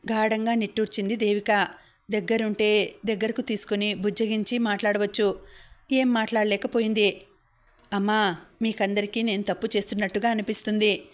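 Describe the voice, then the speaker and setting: Female audiobook narrator, medium pitch, plain steady storytelling. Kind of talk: novel reading with dialogue voiced.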